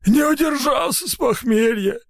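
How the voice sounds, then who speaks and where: Hoarse hungover lab assistant voiced by a man, guilty and whining; audiobook character. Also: high-pitched, lively intonation, slow pace, pitched above the performer's own voice, heavily acted. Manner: whining, plaintive.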